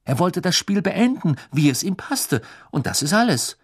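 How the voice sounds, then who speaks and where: A man voicing a teenage boy explaining things quickly in an audiobook. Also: on the high side, sing-song, husky, no room sound, clean studio sound, pitched above the performer's own voice.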